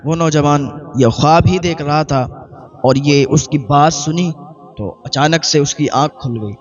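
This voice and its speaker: A man's voice: fairly high pitch, muffled recording, faint music behind. A man preaching a sermon in Urdu, telling a moral story and acting out the characters' dialogue.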